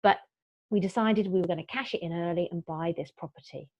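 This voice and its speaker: Her voice sits on the low side and moves fairly quickly as she runs a chatty, upbeat webinar on property investment, restarting often and using plenty of fillers. She's a middle-aged woman, and the recording is dull, dry lo-fi with no room sound.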